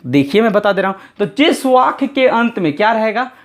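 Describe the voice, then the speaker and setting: A man's voice: high-pitched, sing-song. A man teaching English grammar as a classroom lesson, patiently spelling words out letter by letter and repeating phrases. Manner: patient, explains slowly and step by step.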